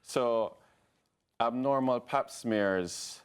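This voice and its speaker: A man, a gynaecologist guest on a morning TV show, explaining calmly in a studio interview. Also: medium pitch, drawn-out words, clean tone. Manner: calm, explanatory, often restarts with "so".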